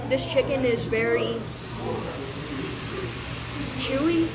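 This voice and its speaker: A woman's voice: sits high, slow, very noisy. A woman reviewing food for a casual vlog, talking with her mouth full and gushing about what she tastes. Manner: enthusiastic, gushing descriptions. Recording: echoey room with loud music. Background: loud music.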